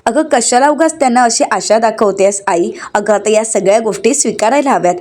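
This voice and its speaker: A woman's voice: a little high, brisk, a little mellow, natural voice. A woman voicing a scheming young woman who fakes grief, speaking with sweet pleading concern.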